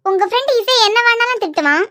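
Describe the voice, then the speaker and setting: Brief: woman playing a pert cartoon wife with a Kanyakumari accent, very high squeaky voice, dry close mic. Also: animated, pushed and bright, no echo, heavily acted. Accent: Kanyakumari Tamil. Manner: pert, quick to argue. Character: young wife, sharp-tongued and protective. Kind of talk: cartoon web series voice acting.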